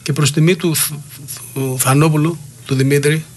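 A man's voice: fairly high pitch, fairly even intonation. Heated middle-aged man telling wrestling stories. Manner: heated, rambling anecdotes with quoted dialogue. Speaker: guest, former wrestler. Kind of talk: interview storytelling.

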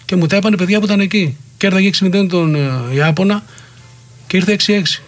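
A man's voice: high voice, steady tone, soft background music. A middle-aged man, a former wrestler, being interviewed and telling rambling, heated anecdotes full of quoted dialogue. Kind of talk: interview storytelling.

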